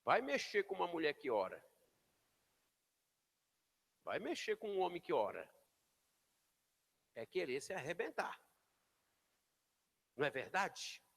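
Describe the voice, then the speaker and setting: In a church hall, a high-voiced pastor preaches a sermon, shouting and then dropping to near whispers as he asks the congregation to repeat after him. The recording has long hall reverb.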